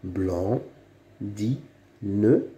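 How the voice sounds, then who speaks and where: A man giving a slow phonics reading lesson for young children, saying each word several times over. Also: lowish voice, mellow. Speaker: reading teacher.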